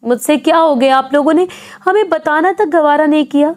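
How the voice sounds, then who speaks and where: A woman's voice: high voice, darkish tone, pitched above the performer's own voice, natural voice. A woman voicing a distraught young woman in a storybook reading, pleading with a breaking voice. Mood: desperate, pleading. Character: distraught young woman, sobbing, shattered by a family secret.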